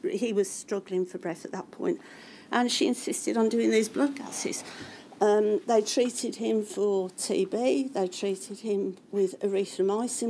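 A middle-aged woman giving testimony as a witness at a public inquiry, halting and restarting often, and raising her voice to act out what others said. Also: medium pitch, dark tone, a little hiss or hum. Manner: halting, with frequent restarts and fillers; acts out others' words in a raised voice.

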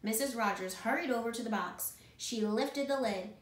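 A woman school principal reading a picture book aloud to children in a warm, expressive way. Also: on the high side, moderate pace, roomy sound.

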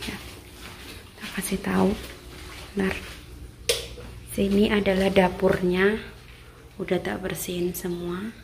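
Walking through her employer's Taiwanese apartment with a phone in hand, a young woman from Indonesia gives a chatty, informal house tour, often sinking to a near whisper and repeating "seven seperti ini." Her medium-pitched voice is gravelly and darkish, level in tone, slow, and broken by long pauses, with slight background noise indoors.

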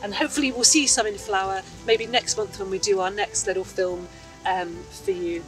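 A woman's voice: mid-range voice, lively intonation, normal speed, far from the mic, faint music behind, rough recording. A woman in her thirties chattily teaching about wild plants, recorded outdoors in a hedgerow lane and woodland. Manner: bright, chatty, enthusiastic explaining. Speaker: foraging teacher. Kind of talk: outdoor foraging lesson.

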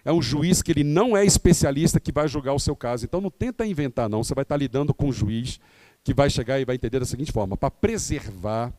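Man lecturing with a mellow voice. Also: mid-range voice, fast, no room sound. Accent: Brazilian Portuguese. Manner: explanatory, many fillers and tag questions. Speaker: campaign lecturer. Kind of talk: lecture to candidates.

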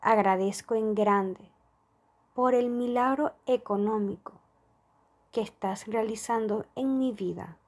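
Slow, soft-spoken woman reading a prayer. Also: fairly high pitch. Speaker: prayer reader. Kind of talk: slow guided prayer and affirmations.

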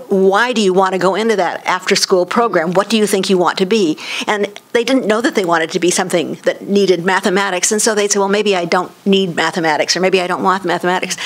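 Woman panelist telling stories with a laugh. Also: medium pitch. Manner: warm anecdotal, laughs often. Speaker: panelist, professor. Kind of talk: storytelling on a panel. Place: lecture room.

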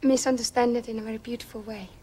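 A woman's voice: on the high side, steady tone, rapid-fire, very noisy. A young woman from Iceland with an Icelandic accent, talking as a musician guest in a late-night TV studio, hesitant and dreamy with a lot of "kinda". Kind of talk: casual talk-show interview.

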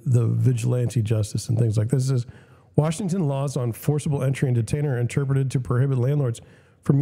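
A man's voice: medium pitch, warm tone, long reverb tail. A young man with a scratchy voice and a cough, hosting casual commentary, reading out news and questions and giving blunt opinions with frequent restarts. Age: young adult. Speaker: host.

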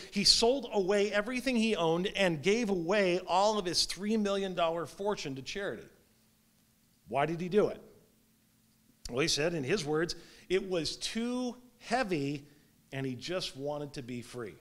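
A man in his thirties preaches a sermon in a small church sanctuary, his voice sitting high for a man and leaping around with lively expression. He gestures as he speaks and swings between loud emphatic bursts and soft, dropped endings. The camera catches him from a middle distance. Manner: gestures while preaching standing up. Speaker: pastor. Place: small church sanctuary with stone fireplace, indoors.

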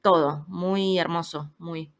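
A woman in her thirties with an Argentine Spanish accent, a podcast guest telling a personal story in a lively, casual way and acting out the voices of people she quotes. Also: fairly low pitch, takes it slowly.

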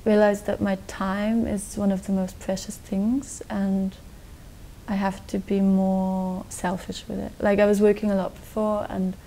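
A young woman from Austria answering interview questions in a relaxed, rambling way, full of likes and restarts, recorded in a dark studio. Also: mid-range voice, measured pace, slight background noise, low-quality recording. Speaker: guest musician. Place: dark television studio set.

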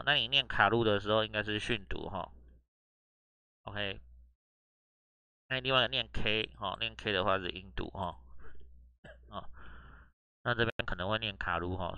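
A man's voice: on the low side, sharp tone, smooth, dry recording. A man with a Taiwanese Mandarin accent teaches Japanese in a casual online lesson. He reads short Japanese phrases, explains them step by step, and drops little "oh" and "ha" fillers between phrases. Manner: chatty, drops "oh" and "ha" between nearly every phrase. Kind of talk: casual online lesson reading through a news text.

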